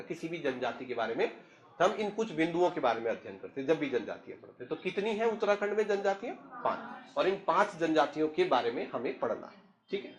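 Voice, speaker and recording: A young man from Uttarakhand teaching a lesson in a lecturing style, quizzing the class and answering himself. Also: a little high. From Tehri district, Uttarakhand, India. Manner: explanatory, asks the class questions and answers them himself.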